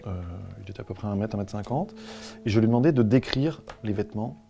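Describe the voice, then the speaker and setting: A man playing a solemn, awkward doctor who gives grave news in a deadpan, hesitant comedy-sketch delivery. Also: on the low side, quick pace, creaky, faint music behind.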